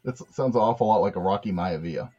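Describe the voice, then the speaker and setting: A man's voice: lowish voice, fast, a crowd in the background. A man chatting casually about wrestling, laid-back and hesitant. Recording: dull lo-fi sound.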